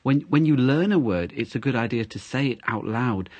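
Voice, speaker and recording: A man's voice: mid-range voice, lively intonation, normal speed, a little mellow, no echo. A man, an English teacher, explaining word stress and exaggerating it in his examples. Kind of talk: explaining pronunciation tips.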